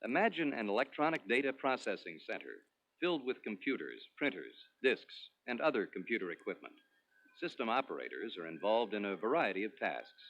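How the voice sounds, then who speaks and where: Low-voiced man narrating a dated product demo. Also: big pitch swings, brisk, a bit bright. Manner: instructional, clearly structured delivery. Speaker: product demonstrator, presenter. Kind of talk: scripted promotional narration. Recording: dull lo-fi 1980s demo recording.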